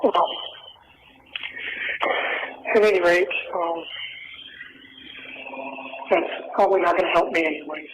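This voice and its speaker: A man, a jail inmate, talking calmly and hesitantly on a prison phone call, with many fillers. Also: sits high, slow, long pauses. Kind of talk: casual phone chat. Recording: noisy prison phone line.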